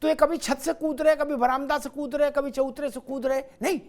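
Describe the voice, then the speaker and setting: Male TV debate moderator with a high voice; needles the panel with sarcastic, pointed questions. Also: steady tone, a little fast. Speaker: news debate anchor.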